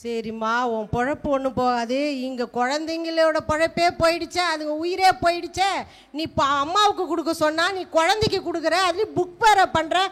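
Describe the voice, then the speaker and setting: Woman playing a firm pregnant police officer. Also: very high-pitched. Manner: firm, brisk. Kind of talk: amateur stage role play.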